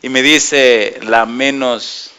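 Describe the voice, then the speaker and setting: A male pastor preaching a sermon, telling stories and asking the congregation lively questions. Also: mid-range voice, very slow, clean tone. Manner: lively storytelling with questions to the audience.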